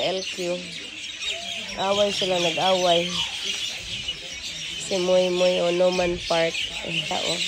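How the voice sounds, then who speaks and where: A woman's voice: mid-range voice, vocal fry, heavy background noise. A woman vlogging on a zoo visit, cooing and baby-talking to the animals as she films outdoors. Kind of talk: casual zoo-visit vlog commentary. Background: birds, roosters and outdoor ambience.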